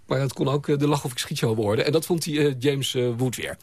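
A man's voice: medium pitch, fast talker, no room sound. A man reviewing a novel in a radio studio, speaking hesitantly with many filler sounds. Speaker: book critic.

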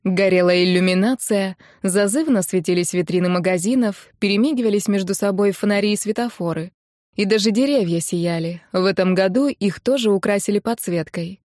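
A woman reads a first-person novel in an even storytelling delivery at a middle pitch. The recording is dry and close, with no room sound. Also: fairly quick, no room sound. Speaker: audiobook narrator.

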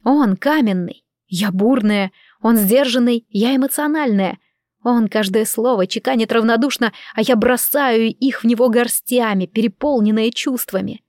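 A woman reads a first-person novel aloud with expressive storytelling. Her voice sits somewhat high, and the recording is dry and close with no room echo. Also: normal speed. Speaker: audiobook narrator.

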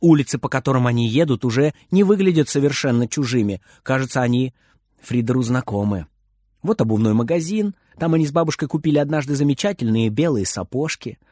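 A man reading a children's story aloud in an expressive narrating voice. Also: medium pitch, fairly quick, no echo, studio quality.

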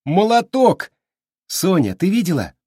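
A man's voice: a little high, big pitch swings, measured pace, a little mellow, slightly rough, no echo, clean studio sound, voice pushed up, full character voice. A man voicing a brash, sarcastic young male artist who speaks bluntly. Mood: delighted.

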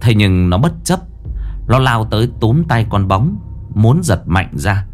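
A man narrates a ghost story in a low voice with big, animated swings of pitch. His dramatic delivery builds suspense. Faint music plays underneath him. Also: unhurried.

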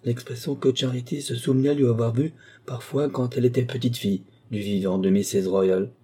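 A man narrating a novel as an audiobook, in a measured, even reading. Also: mid-range voice, slightly rough.

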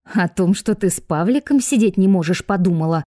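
A woman's voice: fairly low pitch, lively intonation, a little fast, mellow, no echo, clean studio sound, natural voice. A woman voicing an exasperated young granddaughter who scolds in a curt way. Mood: scolding.

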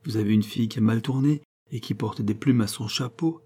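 A man voicing a sly old concierge woman in a spoken storybook, talking in a low, confiding tone. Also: a little fast, warm tone, husky. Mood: knowing.

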